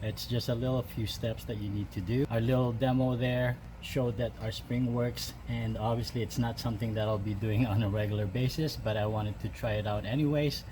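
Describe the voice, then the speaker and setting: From his home garage, the host of a DIY truck modification channel talks through the steps of a how-to casually and without a script, with small hesitations. His mid-range voice is fairly even, fairly quick, and barely pauses. The background is noisy.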